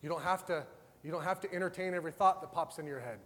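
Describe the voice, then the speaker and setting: A man with a high voice preaches in a casual, talk-it-through way. He swings from loud, passionate bursts to hushed, tender passages. His words ring out with a long reverb, as in a large hall. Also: very fast. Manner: passionate, conversational preaching with a wide swing between loud and soft. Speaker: pastor. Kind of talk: sermon.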